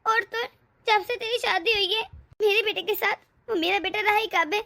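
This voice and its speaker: Woman playing an old saas in a cartoon, high bright voice, hurt and teary, keeps complaining. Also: normal speed, gravelly, exaggerated voice. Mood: aggrieved. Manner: aggrieved, complaining, tearful. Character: older mother-in-law, tearful and wounded. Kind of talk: animated family drama dub.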